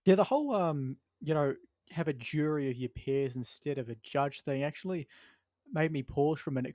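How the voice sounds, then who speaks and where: A man's voice: medium pitch, darkish tone, no echo. A man co-hosting a podcast, giving conversational opinions and thinking aloud in broken phrases. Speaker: podcast co-host. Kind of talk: opinion talk, conversational commentary.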